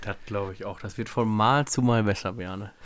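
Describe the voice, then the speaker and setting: A man's voice: lowish voice, fairly even intonation, normal speed, fairly bright tone. A man chatting casually as a podcast co-host, easygoing and joking. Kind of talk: casual chat.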